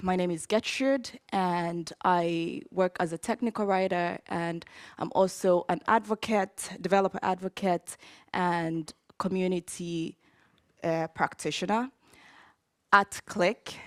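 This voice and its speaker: A woman from Zambia giving a conference talk, in a conversational way with frequent pauses and fillers. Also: fairly low pitch, dry recording, clean studio sound. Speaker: conference speaker. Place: conference hall.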